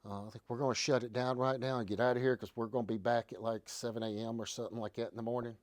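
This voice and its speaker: A man hosting a casual livestream, talking in a folksy, relaxed way. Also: mid-range voice, racing, dry recording, clean studio sound. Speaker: show host.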